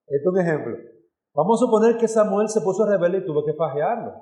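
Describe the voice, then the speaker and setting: A man's voice: sits high, expressive, fast, warm tone, reverberant. A man preaching a sermon as pastor, earnest and direct, speaking to his congregation as brothers and sisters. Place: church hall.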